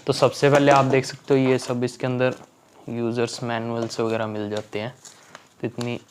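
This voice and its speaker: A young man talks through an unboxing at home in an easy, chatty way, checking in with the viewer every few lines. His voice sits at an ordinary middle pitch, with a faint hiss behind it. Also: flat delivery, moderate pace. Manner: chatty, keeps saying "theek hai". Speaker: vlogger. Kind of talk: casual unboxing vlog.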